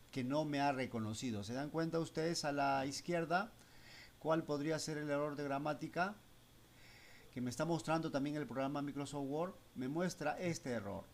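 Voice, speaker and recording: Male teacher walking kids through a computer program, patient, step by step, keeps asking if they follow. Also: a little high. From Spanish-speaking Latin America. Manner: patient, explains step by step, asks the class questions. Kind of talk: screen-recorded software lesson.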